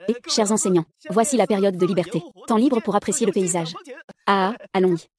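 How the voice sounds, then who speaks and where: A woman reading out a dubbed drama, giving every character the same even voice. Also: medium pitch, brisk. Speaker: narrator voicing every character. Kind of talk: fast dubbed drama read-through.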